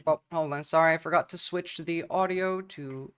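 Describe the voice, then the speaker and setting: Livestream host, casual sardonic commentary, rambling with fillers, mid-pitched voice. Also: fairly even intonation, moderate pace, clean tone. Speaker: streamer.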